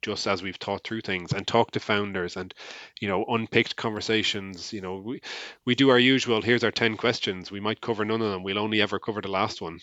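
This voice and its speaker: A man co-hosting a podcast, chatting casually and quickly, peppering his talk with fillers. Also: on the low side, no echo. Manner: quick, lively, lots of fillers like "like". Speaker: podcast co-host. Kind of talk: casual chat. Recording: dull dry mic sound.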